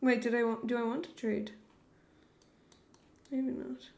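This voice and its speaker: A woman streaming a game live, talking to her chat and shrieking with excitement at tense moments. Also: fairly high pitch, measured pace, vocal fry. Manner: talks to chat as "darlings".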